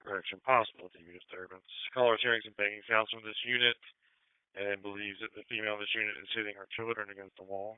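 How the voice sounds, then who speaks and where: A man's voice: on the low side, level tone, fast, smooth, no room sound. A man working as a police dispatcher, reading out calls and addresses in clipped, matter-of-fact codes over a police radio transmission. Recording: narrow-band police scanner audio.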